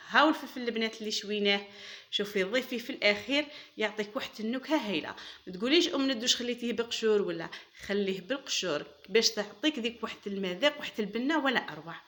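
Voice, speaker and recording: Fast-talking Algerian woman cooking host. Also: mid-range voice, expressive, fairly bright tone. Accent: Algerian Arabic. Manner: chatty, addresses viewers as girls, enthusiastic praise. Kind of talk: casual cooking demonstration.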